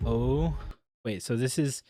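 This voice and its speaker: Excitable man reacting to a trailer. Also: mid-range voice, slow, faint music behind. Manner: chatty and excitable, frequent ums. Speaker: online video creator. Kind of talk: casual reaction commentary.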